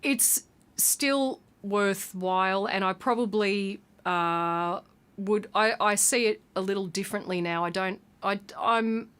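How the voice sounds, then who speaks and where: Brief: female singer as interview guest, reflective, halting, self-correcting speech. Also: mid-range voice, a bit bright, smooth. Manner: thoughtful, halting, with frequent restarts. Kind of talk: casual interview chat.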